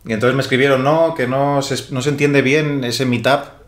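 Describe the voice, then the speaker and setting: Sweating heavily on a small studio set, the host of a board game channel chats loosely into a desk microphone during a live stream. This young man has a mid-range, steady voice at normal speed with a roomy sound, and he keeps restarting and self-correcting.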